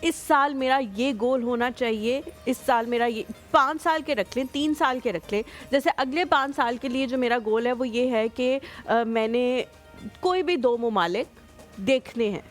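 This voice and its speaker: A woman's voice: fairly high pitch, measured pace, faint music behind. A woman, co-hosting a morning show, upbeat and encouraging, mixing in English phrases. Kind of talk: casual TV chat.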